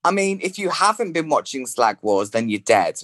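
A man's voice: medium pitch, big pitch swings, moderate pace, a bit bright, dry recording, clean studio sound. A man with a British accent in casual comic chat as a guest, cheeky, sweary and full of slang. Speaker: drag performer, interview guest. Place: at home.

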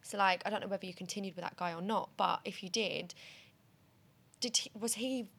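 A woman's voice: medium pitch, a little fast, vocal fry, fairly bright tone. A young woman, chatting casually as a podcast host in a blunt, slangy way. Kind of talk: casual chat.

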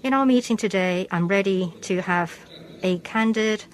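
Live interpreter voice, formal and measured. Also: mid-range voice, poor audio. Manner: measured, formal, with restarts while keeping up. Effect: live interpreter voice translating a leader's remarks. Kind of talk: simultaneous interpretation of a formal statement.

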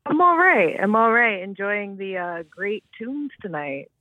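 A man's voice: high-pitched, very animated, a little slow, pushed and bright, dry recording. A man calling in to a radio show over the phone, hesitant and stumbling over his words. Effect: phone line call-in. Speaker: caller. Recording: tinny phone line.

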